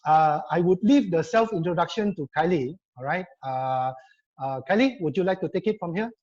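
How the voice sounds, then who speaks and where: Man, slightly high voice, hesitant, lots of fillers, dull lo-fi video call sound. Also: expressive, moderate pace, darkish tone. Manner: hesitant, many fillers and restarts. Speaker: panel speaker, law association member. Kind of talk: live online panel talk.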